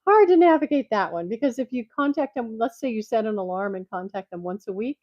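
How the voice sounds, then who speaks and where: A woman's voice: on the high side, expressive, brisk, dry recording. Older woman with a tinny tin-can sound. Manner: chatty, rambling, laughs often. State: congested. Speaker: vlogger reading jokes. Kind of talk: casual chat. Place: at home. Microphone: microphone clipped to her glasses. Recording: dull lo-fi tinny recording, dry.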